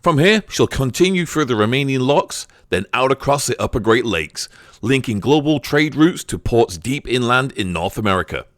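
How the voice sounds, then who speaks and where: A man narrating a scripted voice-over in a smooth, even, informative way. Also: mid-range voice, normal speed, no room sound.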